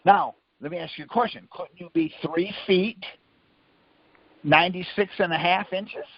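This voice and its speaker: A man's high, breathy-edged voice carries at normal speed through a muffled, lo-fi conference phone call, though the recording itself is dry. As teacher of the group call, he keeps quizzing his listener insistently, coaching by question and answer in a Socratic way.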